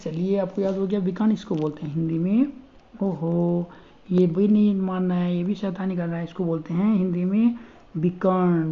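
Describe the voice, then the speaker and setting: A man teaching spelling in a casual online lesson. He chats with viewers, calls them friends, and spells words out slowly letter by letter. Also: sits high, highs cut off. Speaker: online tutor.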